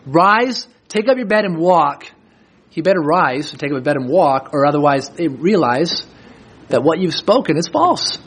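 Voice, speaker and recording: A man's high-pitched voice with a breathy edge carries this sermon; as pastor, he reads scripture aloud slowly and follows with a plain, conversational explanation.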